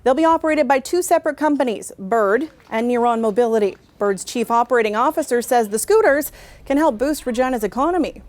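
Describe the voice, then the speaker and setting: A woman's voice: fairly high pitch, lively intonation, fairly quick, a little mellow. A woman reading scripted television news as an anchor.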